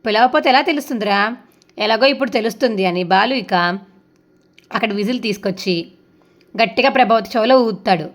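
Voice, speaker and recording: A woman retelling a TV serial episode in brisk storytelling, acting out the characters in turn. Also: fairly high pitch. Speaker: serial reviewer.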